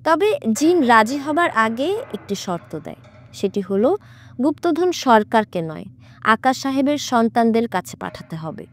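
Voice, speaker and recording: A woman narrating a horror audiobook with a high voice that rises and falls a lot. Her reading is dramatic and expressive, driving the story forward between the character voices. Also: measured pace.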